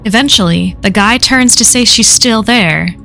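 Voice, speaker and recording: A woman's voice: a little high, normal speed, vocal fry, bright, forceful tone, soft background music. Woman reading a creepy story aloud. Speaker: horror story reader. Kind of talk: reading a horror story aloud on a live stream.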